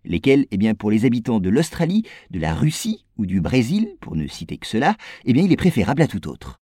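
Lively French man presenting news. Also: medium pitch, a little fast, dry recording, clean studio sound. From France. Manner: clear explanatory delivery addressing viewers. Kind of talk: scripted news narration.

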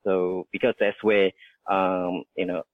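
Man, from Indonesia, hesitant, lots of fillers, low voice, tinny phone-like line, dry sound. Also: level tone, unhurried, no room sound. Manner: hesitant, many fillers and restarts. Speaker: guest business owner. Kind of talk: casual interview talk.

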